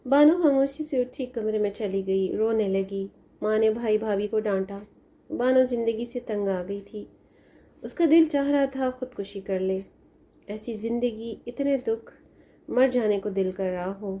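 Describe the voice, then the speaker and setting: A woman reads a scripted moral story aloud in a slow, mournful storytelling manner. Her tone is very dark and mellow, while her pitch sits a little above average. She keeps a steady, sorrowful narrator's voice.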